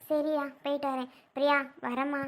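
A woman playing a sister who is sadly leaving her family, speaking in a soft, pleading way in a family drama skit. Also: sits high, little pitch movement, moderate pace, lightly acted. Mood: sorrowful. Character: grieving sister leaving home for her in-laws.

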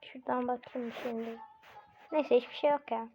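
A woman hosting casual gameplay commentary, chatty and bursting into excited shouts at the game. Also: a little high, moderate pace, slight background noise. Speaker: gaming channel host. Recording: muffled lo-fi recording with faint game music.

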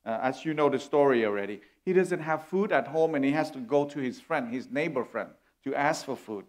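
A man's voice: mid-range voice, expressive, brisk. A middle-aged man from Vietnam, preaching an earnest sermon as a guest speaker on a church stage. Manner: earnest, warm, gesturing as he preaches.

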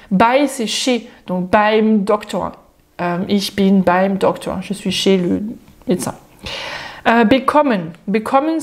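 A woman giving a casual, spontaneous spoken lesson, chatting informally with the viewer and slowing down to say German example phrases. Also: mid-range voice. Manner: addresses the viewer informally, jokes. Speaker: German teacher.

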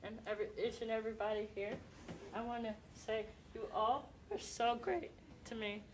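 A woman's voice: on the high side, fairly even intonation, moderate pace, far from the mic, slight background noise, rough recording. A woman talking hesitantly and stumbling over her words in an improvised comedy skit.

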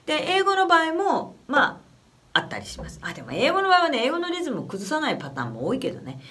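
Woman voice coach from Japan, casual lesson talk, animated and expressive. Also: sits high. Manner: chatty, animated, demonstrates phrases slowly. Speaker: vocal coach. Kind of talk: casual spoken singing lesson.

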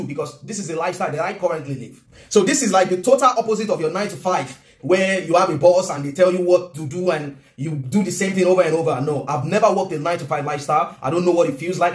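A man in his thirties with a Nigerian accent, talking casually and earnestly to camera from his home kitchen. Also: on the high side. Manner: animated, gestures a lot, earnest. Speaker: vlogger and business coach. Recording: roomy room echo.

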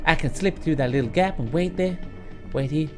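His voice is a little high and a little mellow, at a moderate pace. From a room at home, this streamer in his thirties gives loose let's-play commentary in an affected Texas drawl, swearing freely, talking to viewers, and venting bursts of frustration, with game music behind him.

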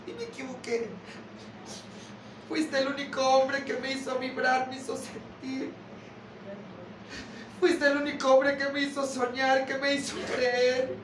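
A woman's voice: high voice, little pitch movement, a little slow, long pauses, recorded from a distance. A woman giving a raw, profane personal testimony from a podium at a group meeting, cursing in a repeated refrain. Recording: echoey hall, voice from off-mic, noisy.

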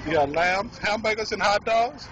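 A man hosting a street food vlog outdoors, firing off questions in quick, friendly chatter. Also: sits high, low-quality recording. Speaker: host.

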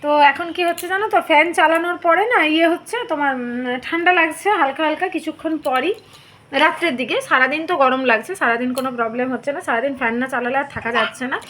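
A woman's voice: high-pitched, fast talker, fairly bright tone. A young woman chatting casually in a home vlog, talking straight to her viewers. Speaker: vlogger.

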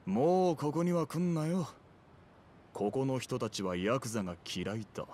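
A man playing a brusque, wary enforcer in a video game drama, talking in rough yakuza-style street speech. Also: medium pitch, sing-song, normal speed, a little mellow, a little hiss or hum, lightly acted. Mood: gruff, dismissive.

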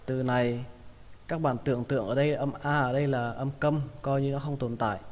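A man teaching English pronunciation, repeating each word slowly in drills. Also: medium pitch, steady tone, a little mellow. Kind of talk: pronunciation lesson. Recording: long hall reverb.

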